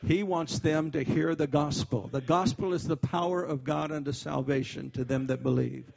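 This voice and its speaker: Gravelly joking missionary preacher. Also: male voice, on the high side, steady tone, normal speed, a little mellow, highs cut off. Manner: folksy, joking, peppered with "amen" and "praise God". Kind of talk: sermon. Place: church service.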